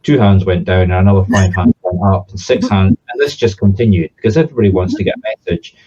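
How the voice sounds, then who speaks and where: Male, Southern Scottish accent, low and relaxed, informal explainer-teacher, slightly muffled sound. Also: fast, slightly rough. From Scotland. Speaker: spiritualist medium and teacher.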